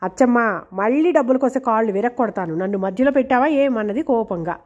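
A woman's voice: fairly high pitch, lively intonation, fairly quick, a little mellow, highs cut off. A woman reading the part of a blunt, grumbling old female vegetable seller. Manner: grumbling, rough-spoken.

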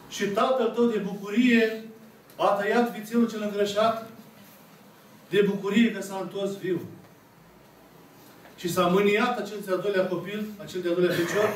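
Retelling a parable to a seated congregation, a Romanian-accented Orthodox priest in his thirties preaches slowly and emphatically, voicing the characters and using long dramatic pauses. His high-sitting voice is captured from far off by a camera at the back of the echoey small church, with a little hiss or hum.

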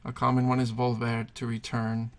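A man's voice: mid-range voice, monotone, moderate pace. A man teaching Spanish verb conjugations, patiently thinking aloud and pointing things out as he writes. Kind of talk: explaining grammar at a whiteboard.

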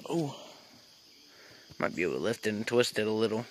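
A young man talks into a phone held at arm's length, his pitch rising and falling a lot as he rambles about farm chores. He is outdoors and in an open barn, with faint birds and clucking chickens behind him. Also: animated, a little fast, slight background noise. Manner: rambling, talks to the animals in a high baby voice. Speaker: farm vlogger. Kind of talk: casual farm vlog. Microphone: phone camera held at arm's length.

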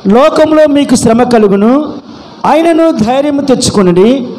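A man reading a scripture passage aloud in a formal, measured way during a church service, away from the microphone. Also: very high-pitched, expressive, darkish tone, rough recording.

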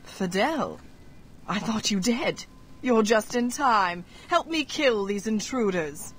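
A woman voicing an arrogant, cold female Red Wizard in a fantasy game, speaking in measured threats. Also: medium pitch, animated, fairly bright tone. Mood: commanding. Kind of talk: game voice acting.

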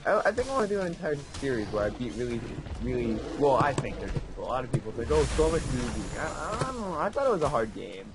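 A man's voice: mid-range voice, very animated, fast talker, hardly any pauses. A teenage boy chatting casually while his friend plays, rambling and restarting his sentences, with music under his voice. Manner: rambling storyteller, restarts a lot. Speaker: friend co-commentating. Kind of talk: casual chat over gameplay.

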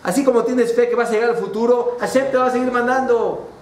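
A man's voice: extremely high pitch, fairly even intonation, quick pace, pitched above the performer's own voice. Coaxing carefree man, as a preacher puts him on. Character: carefree grown man urging his brother. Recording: roomy hall, distant mic.

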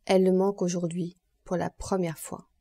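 A woman narrating an audiobook in a calm, measured reading voice. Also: fairly low pitch, breathy edge, no echo, studio quality. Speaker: audiobook reader.

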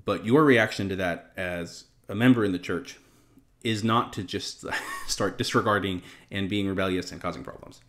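A man in his thirties giving a casual Bible lesson to a webcam in a small home study, reading passages aloud and talking earnestly with fillers and restarts. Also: sits low. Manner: earnest and conversational, with fillers, restarts and emotional pauses. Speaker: Bible teacher. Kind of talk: casual teaching to camera, reading scripture aloud.

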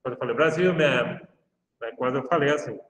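A man's voice: mid-range voice, fairly even intonation, racing. A man with a Brazilian Portuguese accent, a law professor giving a university lecture and speaking straight to his students in a chatty way. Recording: reverberant room, voice far from the mic.

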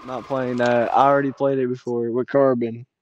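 A man's voice: medium pitch, little pitch movement, normal speed, muffled recording. Young male streamer, laid-back, mumbling, casual gaming chat, mid-range voice.

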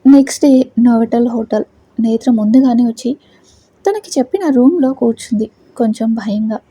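A woman storyteller reading a dramatic story aloud in a steady narration. Her voice is very husky and breathy, with a dark, mellow tone. It sits a little high for a woman. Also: normal speed, no room sound, poor audio.

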